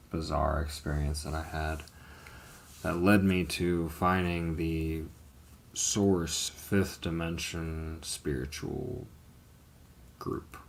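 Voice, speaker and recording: On a live stream, a man with a low, gravelly voice slowly recounts his past, rambling and hesitant, trailing off and starting over with lots of ums and some swearing. A faint hum of noise sits behind him as he hosts this casual live testimony about his life.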